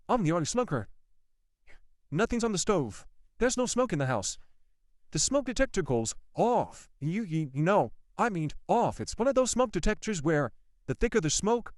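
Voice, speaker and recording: A man telling a personal ghost story to his viewers in a casual, animated way, often repeating himself and swearing. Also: sits high, no room sound, studio quality. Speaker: vlogger.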